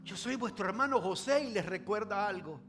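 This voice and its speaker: A man preaching a sermon in short phrases, waiting for an interpreter, drawing some words out slowly for emphasis and dropping to a hush at times. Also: sits high, expressive, faint music behind. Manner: stretches words slowly for emphasis, swings from loud to hushed. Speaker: pastor.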